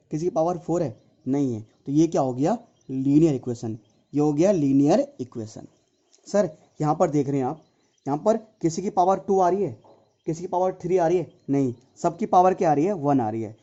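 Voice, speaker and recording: A man's voice: a little high, mellow. A male math tutor teaching a lesson, repeating himself and asking his students questions that he answers himself. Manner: repetitive, asks and answers his own questions, addresses students as dear children. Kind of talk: classroom-style math lesson. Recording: dull lo-fi sound.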